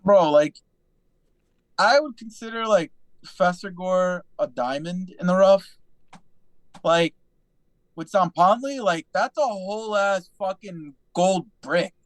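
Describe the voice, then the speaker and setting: A man's voice: high-pitched, slow pace, pauses often, no room sound. A young adult man telling stories in a casual, profane podcast chat. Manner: profane, animated storytelling. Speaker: podcast host.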